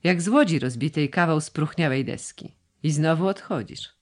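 A man's voice: a little high, moderate pace, lightly acted. A man voicing a grumbling, gloomy old male servant in a storybook reading, mournful in tone.

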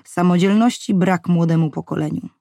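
A woman voicing a courteous, flattering older male official in slow, fawning speech. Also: on the low side, creaky, dry recording, clean studio sound.

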